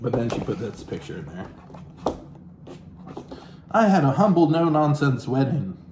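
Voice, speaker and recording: His voice sits in the middle range but swings widely in pitch, and he takes his time. As reader and host of a comic book session, he sends up the book with sweary, casual remarks. The recording has a roomy echo plus background noise.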